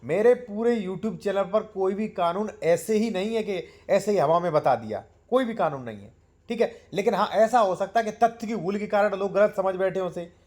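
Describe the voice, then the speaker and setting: A man teaches land law to his viewers in a fairly high voice. He explains step by step and calls them friends. He slows right down to read out the legal clauses. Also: darkish tone.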